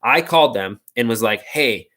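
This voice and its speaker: Young male host, lowish bright voice, loose laid-back live-stream chatter full of fillers. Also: steady tone, a little slow. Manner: loose, rambling, heavy on "like" and "dude". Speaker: car channel host. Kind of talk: casual live stream chat.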